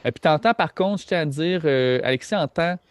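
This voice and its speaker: A man's voice: fairly high pitch, lively intonation, brisk, smooth, dry recording. A man with a Québécois accent narrating a tabletop game as game master, rambling and hesitant, with lots of filler. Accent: Québécois French.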